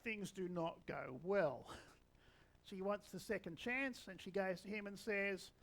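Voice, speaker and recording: The sermon is delivered at a measured pace by a man in his sixties whose voice sits notably high. His tone with the congregation stays casual and talkative, seasoned with dry jokes, though the recording quality is low.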